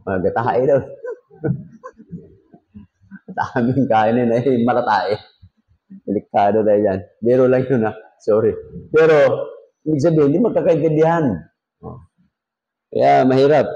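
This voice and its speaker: With a dark tone and the highs cut off, this pastor speaks in a mid-range voice, a little slowly and with frequent pauses. He jokes his way through a conversational Sunday school Bible lesson, addressing his class directly.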